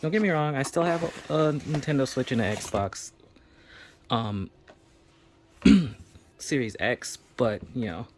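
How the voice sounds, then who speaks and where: A man talks through an unboxing in a loose, chatty way, full of fillers and small bursts of excitement. His voice sits at an ordinary middle pitch. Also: takes it slowly, long pauses, slight background noise. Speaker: unboxing video host. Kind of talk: casual unboxing commentary.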